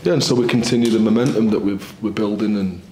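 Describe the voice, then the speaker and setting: In a small indoor press room before a sponsor backdrop, a rugby head coach in his forties answers post-match questions amid crowd noise. His voice is on the low side with fairly even intonation, and he sounds candid, measured, and upbeat.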